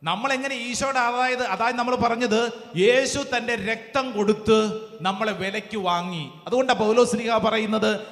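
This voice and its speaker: High-voiced priest preaching in an echoey hall. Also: male voice, a bit bright. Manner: fervent, quizzes the congregation with rapid questions. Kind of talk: sermon with call-and-response. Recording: echoey church hall with long reverb.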